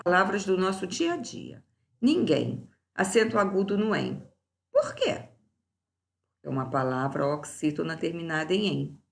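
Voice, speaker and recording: Lady teacher going over grammar answers real slow, stretches out the words. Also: fairly low pitch, expressive, vocal fry. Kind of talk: recorded remote class correcting exercises.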